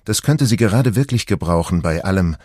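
Male narrator doing a mom in her 40s, easygoing and teasing, low dry storybook voice. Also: animated, fairly quick, a little mellow, no echo. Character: mother of two boys, woman, 40s, easygoing.

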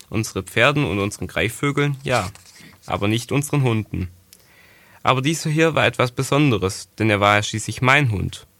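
A man calmly narrating a first-person storybook on a close mic. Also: mid-range voice, no echo. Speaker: audiobook narrator.

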